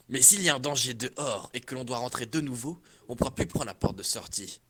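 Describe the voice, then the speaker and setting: A man reading a role in a comic fan-fiction reading, deliberate and mock-pedantic. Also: medium pitch, animated, fairly bright tone, slight background noise.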